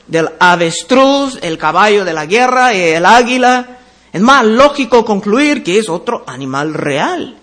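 A man preaching a sermon, reading Bible verses aloud and explaining them, slowing down on key words. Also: high voice, fairly bright tone.

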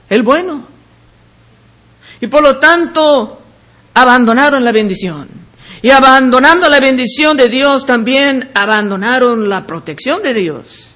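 A man teaching the Bible verse by verse. He reads each passage aloud and then explains it in a deliberate way. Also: extremely high pitch, bright, forceful tone.

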